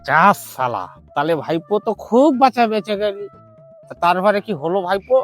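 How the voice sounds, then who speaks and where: A man's voice: high voice, very animated, moderate pace. Man playing town drunk, brash, rambling, cursing, comedic, background music. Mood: nosy, jovial. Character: brash, scheming village town drunk begging booze money. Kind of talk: broad comedy skit acting.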